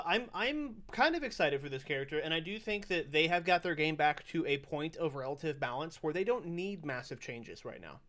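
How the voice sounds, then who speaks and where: A man's voice: on the high side, a bit bright. Rambling young man reacting to a game. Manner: loose, rambling, swears freely. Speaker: streamer. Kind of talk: casual reaction commentary.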